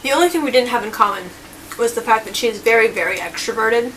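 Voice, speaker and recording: Young woman vlogger, kinda high voice, talks slow, mic a bit far away w/ faint noise. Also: fairly bright tone. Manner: unhurried, chatty, eating while talking. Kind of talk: casual storytelling vlog.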